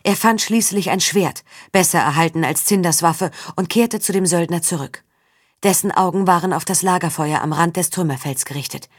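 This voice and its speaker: A woman reading a story aloud as an audiobook narrator, steady and even. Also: fairly low pitch, moderate pace, breathy edge, no echo, studio quality. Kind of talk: scripted narration.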